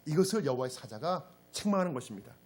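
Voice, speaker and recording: A man's voice: fairly high pitch, sing-song, fast, husky. A man preaching a Sunday sermon as pastor. He speaks to the congregation directly and swings into dramatic, emphatic rhetorical questions. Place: church service.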